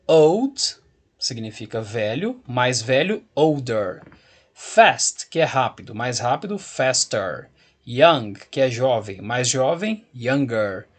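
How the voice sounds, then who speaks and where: A man teaching an English grammar lesson, explaining rules patiently and checking in often with a rising "ok?". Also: mid-range voice.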